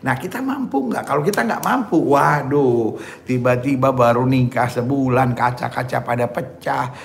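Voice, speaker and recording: A male preacher delivers an emphatic sermon, constantly checking in with his listeners. His mid-pitched voice has a gravelly edge. Faint noise sits behind him. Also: moderate pace. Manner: emphatic preaching, often asking the listeners "ya kan?" and "saudara-saudara". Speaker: pastor. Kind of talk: sermon on dating.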